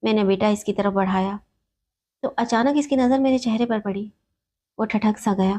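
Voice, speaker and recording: A woman's voice: medium pitch, mellow. Woman narrating a sad first-person story.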